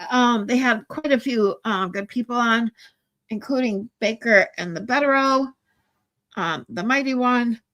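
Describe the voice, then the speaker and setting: Here the recording is low quality, and the woman's voice sits a little high. She's a livestream host in her forties with a stuffy nose, casually chatting with viewers and rambling through plenty of ums and restarts.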